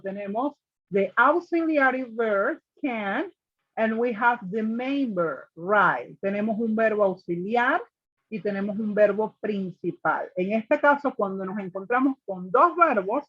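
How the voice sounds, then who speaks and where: A woman's voice: mid-range voice, a little slow, breathy edge, highs cut off. A woman teaching an online English grammar class, explaining step by step and checking in with students. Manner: patient, step by step, often checking with "ok?". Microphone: video call.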